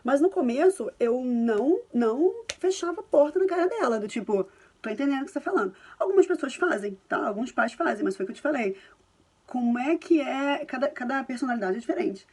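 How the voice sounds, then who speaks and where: A woman's voice: high-pitched, lively intonation, brisk, darkish tone, slightly rough. Chatty Carioca woman giving parenting tips. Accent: Carioca Brazilian Portuguese. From Brazil. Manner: chatty, reassuring, lots of tag questions. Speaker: parenting and language vlogger. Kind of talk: casual advice talk to camera. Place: home.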